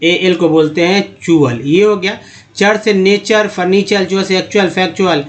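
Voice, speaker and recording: A man teaching English pronunciation over a screen lesson. He talks slowly, spelling out letters and repeating words. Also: sits high. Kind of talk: screen-based spoken lesson.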